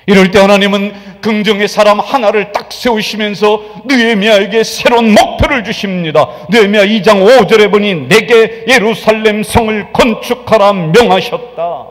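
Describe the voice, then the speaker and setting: A male pastor preaching a sermon, swinging from loud proclamation to hushed whispers. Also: sits high. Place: church sanctuary. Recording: church hall with long reverb.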